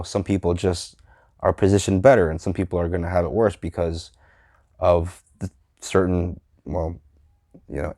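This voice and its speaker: A man in his thirties reviewing movies in a casual vlog, halting and full of fillers and restarts. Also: sits low, mellow, no echo, studio quality.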